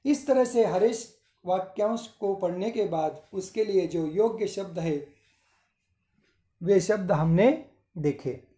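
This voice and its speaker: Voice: medium pitch, slow, mellow, roomy sound. A school teacher giving a recorded Hindi grammar lesson, reading word lists aloud one by one and adding short English glosses. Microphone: screen-recording voice-over.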